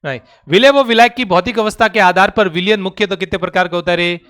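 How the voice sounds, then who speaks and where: A man with a high-pitched voice teaching a class. He keeps quizzing his students with short, repeated questions. He nudges them along in a friendly, pressing way until they answer. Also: a bit bright. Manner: drills students with rapid questions; coaxing, calls students "beta". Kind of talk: classroom lecture.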